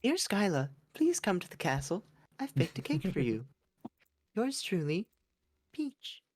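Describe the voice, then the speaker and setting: A man's voice: high voice, very animated, measured pace, no room sound, voice pushed up, exaggerated voice. A man putting on the voice of a sweet princess, sing-song and mock-dainty. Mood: sugary. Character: sweet princess woman writing a letter.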